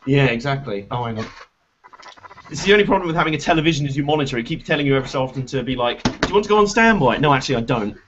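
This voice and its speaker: A British man hosts a casual motorsport chat show over a video call, rambling, chatty and making self-mocking jokes. He speaks in a mid-range voice at a racing pace. The audio is slightly dull and lo-fi, with faint hiss.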